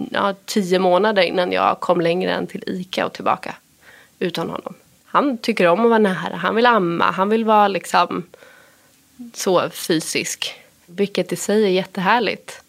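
A woman's voice: fairly low pitch, creaky. A woman in her thirties from Sweden, a podcast guest telling a personal story with feeling. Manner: emotional, quotes others in a retelling voice.

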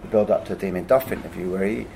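A man's voice: low voice, rapid-fire, gravelly, dark tone, a little hiss or hum. A man hosting a conversational interview, putting long, winding, reflective questions to his guest. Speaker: interviewer, podcast host.

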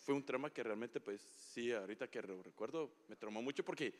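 A man telling a personal story to a congregation, halting and nervous, with many restarts. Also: mid-range voice. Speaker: congregation member giving testimony. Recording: long hall reverb.

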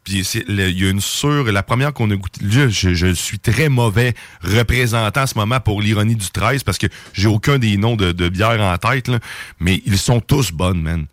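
A man's voice: lowish voice, normal speed, dry recording, studio quality. A man with a Québécois accent co-hosting a radio show, chatting with enthusiasm in slang and with many restarts. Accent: Québécois French. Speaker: radio co-host. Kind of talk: casual radio chat.

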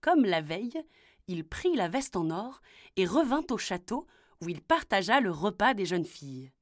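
A woman's voice: mid-range voice, no echo, studio quality. A woman reading a children's fairy tale aloud as a storyteller. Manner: slow, expressive storybook telling.

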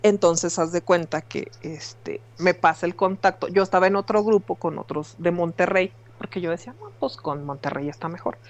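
A woman with a Mexican accent giving a personal testimony in an interview, telling her story in a lively way with frequent fillers. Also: on the low side, moderate pace, hardly any pauses.

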